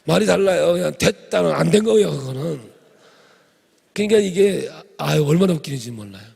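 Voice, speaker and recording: A man from preaches a revival sermon, his voice rough and gravelly with a husky edge. He sits a little high for a man and keeps turning to the congregation with jokes and asides. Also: lively intonation, fairly quick, a little mellow. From Chungcheong Province, Korea. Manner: humorous, addresses congregation directly. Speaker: pastor.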